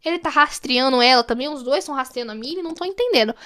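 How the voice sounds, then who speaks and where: A high-voiced woman with a Brazilian accent talks through a film plot in casual vlog style. She tells it with animated, wry storytelling and plenty of slang, like chatting with friends. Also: rapid-fire. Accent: Brazilian Portuguese. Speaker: film reviewer.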